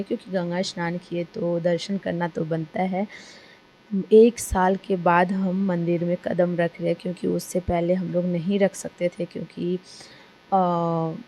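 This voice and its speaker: A young woman narrates her family vlog as a casual voice-over. Her voice sits low and mellow with a flat, even delivery. She rambles on in a chatty way, with plenty of fillers. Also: slight background noise. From Kolkata, India. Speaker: vlogger.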